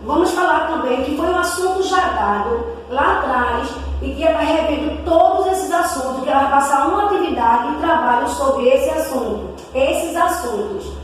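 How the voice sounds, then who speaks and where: A Brazilian woman teaching a recorded primary school lesson, slowly spelling out syllables and examples. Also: high-pitched, a little hiss or hum. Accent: Brazilian Portuguese. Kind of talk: recorded remote class lesson. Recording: echoey room, mic far off.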